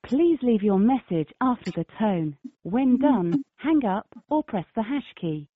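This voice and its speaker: A woman's voice: fairly high pitch, unhurried, no echo. Automated woman's voicemail greeting on the phone. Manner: flat, recorded announcement. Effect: automated voicemail greeting over a landline phone. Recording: tinny, distant phone line.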